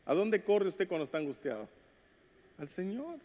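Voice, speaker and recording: Preaching in a church sanctuary with long hall reverb, this Latin American pastor has a rather high, dark-toned voice and speaks animatedly at a moderate pace. He addresses the congregation directly and performs brief quoted lines in character.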